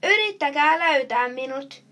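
A mischievous little chameleon from a children's storybook taunts its chasers with a high, giggly voice, as a woman reads it aloud. It sounds cheeky and delighted with itself, never tiring of the game. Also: animated, sharp tone, recorded from a distance. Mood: teasing. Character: playful color-changing chameleon, cheeky runaway pet.

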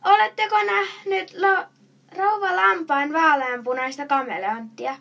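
A woman's voice: extremely high pitch, steady tone, gravelly, fairly bright tone, distant mic, highs cut off, voice pushed up, heavily acted. A woman voicing an eager, polite storybook boy. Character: eager young boy chasing a chameleon.

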